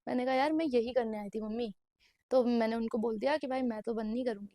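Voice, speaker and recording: At night in an indoor room, a vlogger in her twenties tells a personal story, chatting away in Hindi sprinkled with English phrases and repeatedly saying "bhai." She talks fast in a warm, rather high voice, with no echo.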